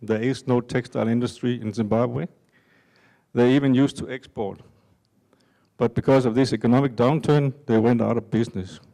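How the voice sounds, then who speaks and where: An older man from Denmark giving a conference talk in an unhurried, halting way with many fillers. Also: medium pitch, steady tone, vocal fry, dark tone. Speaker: conference speaker. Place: conference hall.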